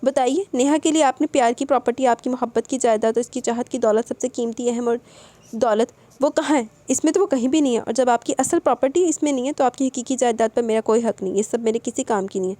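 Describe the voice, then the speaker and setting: A woman's voice: a little high, warm tone, natural voice. A woman voicing a devoted young bride, emotional and tearful. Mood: impassioned. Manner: tearful, impassioned.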